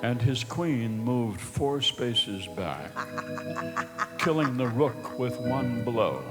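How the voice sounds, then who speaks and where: A man's voice: medium pitch, lively intonation, very slow. A man narrating a comic rhymed story as a storyteller. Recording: loud music underneath.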